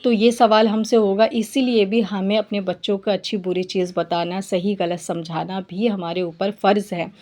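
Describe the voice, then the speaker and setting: A woman vlogger giving earnest parenting advice, talking in a steady instructive way and repeating her points for emphasis. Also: medium pitch, normal speed, few pauses. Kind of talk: earnest advice talk to camera.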